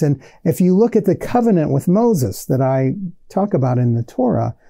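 A man's voice: mid-range voice, vocal fry, no room sound. A man in his forties, a pastor, preaching a sermon in an earnest teaching tone on a lapel mic in a small studio. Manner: earnest teaching tone, expressive hand gestures. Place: small studio set with shelves.

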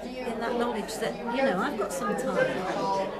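A woman's voice: on the high side, measured pace. Earnest older woman, crowd behind. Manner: earnest and candid, coaxing her husband with rising questions. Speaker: carer of her husband. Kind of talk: interview. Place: living room of a home, seated on a sofa.

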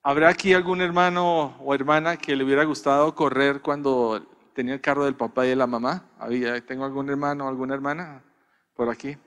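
A man's voice: medium pitch, fairly even intonation, a little fast, a bit bright, long reverb tail. A man preaching a sermon as a pastor, from Colombia, stressing points by repeating his lines. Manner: emphatic preaching with repeated refrains. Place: church.

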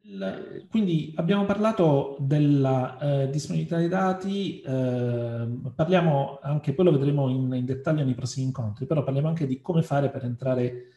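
A man's voice: a little high, normal speed, hardly any pauses, mellow, roomy sound, muffled recording. A man hosting an online webinar, prompting his guest with short questions over a video call. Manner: brief prompting interjections and questions. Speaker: webinar host.

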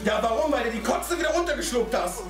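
A man's voice: very high voice, expressive, quick pace. A young man performing as a drag queen, bantering through a comic challenge in a campy, dramatic, whiny way. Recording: roomy, music behind.

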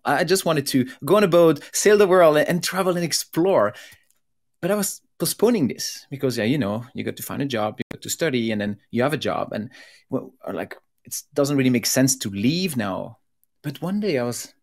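A man in his thirties from Belgium, a podcast guest telling his life story with lively laughs, on a video call with a desk mic. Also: medium pitch. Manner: animated, laughs often, gestures while talking. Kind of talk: conversational storytelling. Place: home room with plain blue wall.

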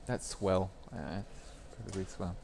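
A man's voice: low-pitched, a little slow, gravelly, darkish tone, slight background noise. A young man chatting casually with viewers on a live stream while repairing a phone at his workbench, rambling and laughing as he goes.

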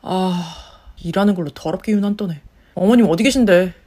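A woman's voice: lowish voice, a little fast, dark tone, lightly acted. A woman voicing a whiny, jobless young husband in a story-radio drama, grumbling and sulking. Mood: sulky. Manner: grumbling, sulky complaints.

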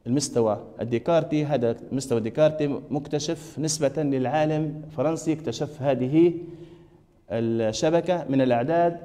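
A male math teacher with a Libyan Arabic accent runs a classroom lesson, firing questions at students and repeating their answers. His voice is dark and mellow, a little high for a man, and he talks fast. A long echo hangs in the room.

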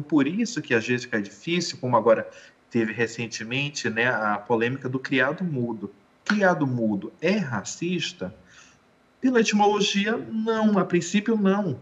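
A man giving a measured, explanatory talk in an educational conversation, often rephrasing himself. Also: a little high, dull audio. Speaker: guest lecturer.

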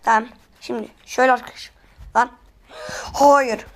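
A woman giving excitable let's-play commentary, often pleading and exclaiming while she plays. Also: on the high side, normal speed. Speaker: gamer.

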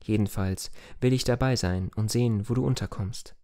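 An earnest young village man in love, from an audiobook tale, as read by a man. He speaks gently and earnestly in a low, mellow voice. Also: normal speed, lightly acted. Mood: tender.

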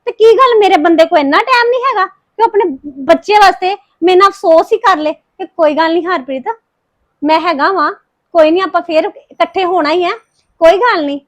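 A woman acting as a heartbroken young wife in a family drama, who speaks with a Punjabi accent and pours out rapid, reproachful complaints against her in-laws. Her voice sits very high. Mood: bitter, accusing. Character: grieving young wife confronting her mother-in-law. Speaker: daughter-in-law Harpreet.

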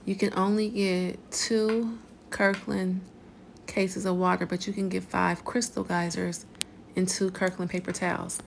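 This is a casual walkthrough vlog by a California woman, shot on a phone at arm's length in a car and then inside a large warehouse store. She speaks at a measured pace in a low, creaky voice with little pitch movement, chatting and repeating items as she comes across them. The store's loud background noise comes through on the phone recording.

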